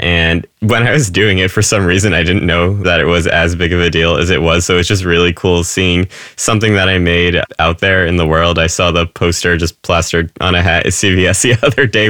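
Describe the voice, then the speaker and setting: A man's voice: low-pitched, sharp tone, no echo, studio quality. A man from Rhode Island, an illustrator, answering interview questions candidly with small laughs. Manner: candid, laughs between points. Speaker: illustrator guest.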